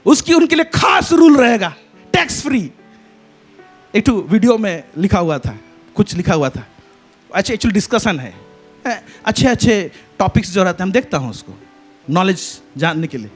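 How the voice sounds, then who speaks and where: A man preaches a church sermon in a high, animated voice that leaps and falls. He breaks into loud emphatic calls and hallelujahs, with faint music playing beneath. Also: moderate pace, long pauses, breathy edge. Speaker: pastor. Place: church service.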